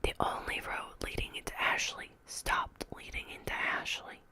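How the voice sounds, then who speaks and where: A woman reads a horror story as ASMR, whispering in a quiet, eerie, measured manner reminiscent of someone delivering an official report.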